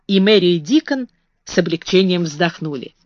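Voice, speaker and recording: A woman narrating a children's storybook in an expressive reading voice. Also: on the low side, normal speed, no echo, dull audio. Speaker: audiobook reader.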